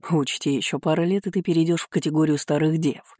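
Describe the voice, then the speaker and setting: A sardonic young marquis, as an audiobook reader puts him on, speaking with dry, mocking humor. The tone is warm and mellow, recorded close and dry. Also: medium pitch, fairly even intonation, fast talker, dry recording, natural voice. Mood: joking. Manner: wry, mocking. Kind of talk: audiobook character reading.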